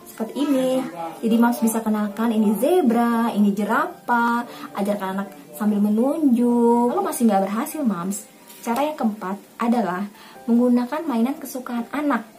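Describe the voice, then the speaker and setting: A woman's voice: fairly high pitch, normal speed, faint music behind. A young Indonesian mother hosting a home tutorial, speaking casually and repeating herself as she talks to viewers she calls Mams. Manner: warm, repetitive, addresses viewers as Mams. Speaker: parenting channel host, mother.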